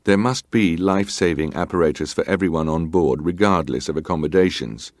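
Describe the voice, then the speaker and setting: A man with a very low-pitched voice plays a British naval officer giving testimony at a hearing in a historical drama, reading the witness's words aloud. He's terse, guarded and formally respectful, answering in a brisk, clipped, matter-of-fact way that stays close to an everyday voice, with a precise, formal mood. The sound is dry and close, with no room echo.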